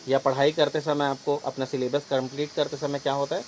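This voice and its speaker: A man's voice: mid-range voice, little pitch movement, brisk, darkish tone, slight background noise, rough recording. A male teacher giving an exam-prep lesson, explaining memory tricks step by step and often repeating and checking with "okay".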